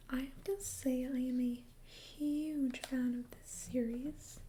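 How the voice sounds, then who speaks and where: A woman does an ASMR role-play as a friendly librarian in a breathy, high library soft voice. Her delivery is gentle and chatty with a mellow tone. Faint ambient noise sits behind her. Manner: gentle, hesitant, conversational. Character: friendly, chatty female librarian recommending books.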